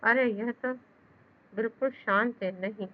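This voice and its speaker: एक महिला पढ़ती है चतुर गीदड़. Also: female voice, a little high, fairly even intonation, unhurried, natural voice. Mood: wary. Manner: reads in a plain, explanatory voice. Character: cunning, wary male jackal. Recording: dull lo-fi sound.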